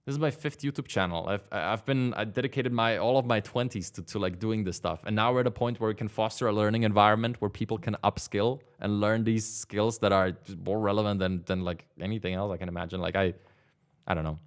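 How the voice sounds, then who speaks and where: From his home studio desk, a young man in his twenties hosts a casual livestream, answering chat in a rambling way packed with fillers, especially "like." His voice is fairly low, steady, clear, and resonant, and he talks a bit fast.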